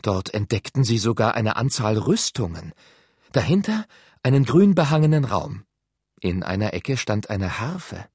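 A man narrating an audiobook in an expressive storytelling manner. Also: on the low side, measured pace, slightly rough, no echo, studio quality. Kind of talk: scripted narration.

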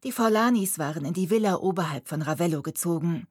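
A woman reads a children's novel in a calm, even storytelling voice. Her voice sits low and slightly husky. The recording is close and dry. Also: quick pace, no room sound. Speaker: audiobook narrator. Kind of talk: scripted storybook narration.

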